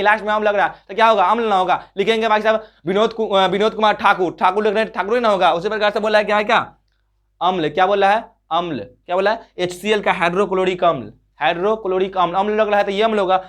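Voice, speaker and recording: Guy teaching for exams, pretty high voice, keeps asking "what is it?" and answering himself. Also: fairly bright tone. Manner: drills with repeated rhetorical questions, calls listeners brother. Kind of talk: board exam chemistry lesson.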